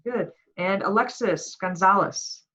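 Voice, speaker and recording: A woman's voice: mid-range voice, a little slow, a bit bright, highs cut off. A woman instructor calling on students one by one during an online class. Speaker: course instructor. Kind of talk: online class roll call. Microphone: video call.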